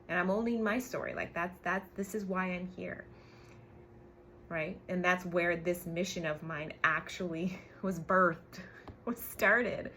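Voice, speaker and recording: Speaking to her followers in a storytelling vlog, a forty-something business coach is candid and emphatic, often using tag questions and swearing. She has a fairly low yet slightly bright voice, and the recording carries a little hiss or hum.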